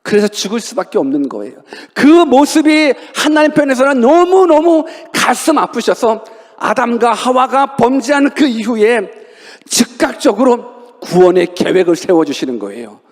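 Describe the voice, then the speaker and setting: A male pastor delivers a sermon in a church sanctuary, acting out quotes and firing rhetorical questions at the congregation. His voice is high and swoops widely. A long hall reverb trails every phrase. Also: moderate pace. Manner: animated, acts out quotes, asks rhetorical questions.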